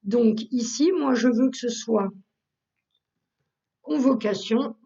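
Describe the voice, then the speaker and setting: A woman who trains people on Google Workspace, explaining a software task step by step with frequent fillers, recorded as a screen tutorial. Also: on the high side, slow, vocal fry, recorded from a distance, lo-fi sound.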